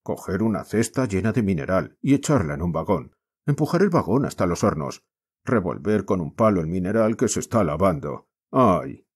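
A man's voice: sits low, sing-song, fairly quick, darkish tone, breathy edge, exaggerated voice. A man with a Spain accent voicing a restless, despairing mining boy in an audiobook, with impassioned, frustrated outbursts. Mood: desperate, pleading. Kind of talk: audiobook character reading.

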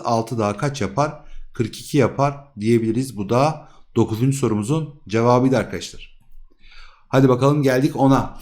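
A man's voice: mid-range voice, darkish tone. Chatty male math teacher explaining problems. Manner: chatty, jokey, asks the students rhetorical questions. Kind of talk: casual problem-solving lesson.

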